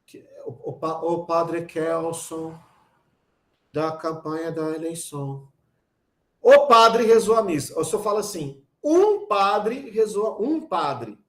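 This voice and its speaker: A man with a Brazilian Portuguese accent teaching a lively online grammar class, talking straight to his students with teasing asides. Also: a little high, roomy sound.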